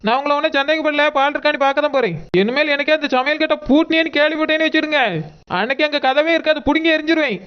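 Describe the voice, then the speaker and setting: A woman's voice: high voice, steady tone, dull audio, natural voice. A woman playing a defiant college girl who angrily confronts her sister-in-law over her sister and baby. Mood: angry. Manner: angry, confrontational, fast. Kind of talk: amateur family drama acting.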